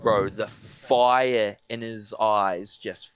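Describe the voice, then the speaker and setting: A man's voice: lowish voice, steady tone, drawn-out words, smooth. A young man with a broad New Zealand accent casually telling an anecdote on a podcast, slangy, sweary and laid-back. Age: young adult. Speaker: podcast speaker.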